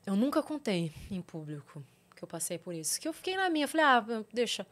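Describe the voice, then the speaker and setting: A middle-aged Brazilian woman with a Brazilian Portuguese accent, a podcast guest telling a story in lively fashion and quoting others in changing voices. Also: on the high side, fairly quick. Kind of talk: casual podcast interview.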